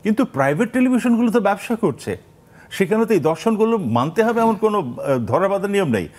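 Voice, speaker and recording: A middle-aged man talks as a studio guest, his voice sitting high and swinging widely in pitch. He tells his points like stories, full of animation. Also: fast talker. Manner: animated, storytelling with quoted voices. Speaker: guest, documentary maker and actor. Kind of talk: studio talk show discussion. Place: television studio.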